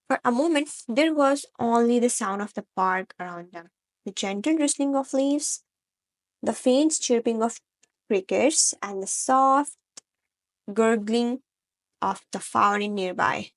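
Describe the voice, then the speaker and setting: A woman narrates a scripted romance story in a soft, even storytelling manner. Her voice is somewhat high for a woman, with a gravelly, creaky texture running through it. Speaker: fan-fiction narrator.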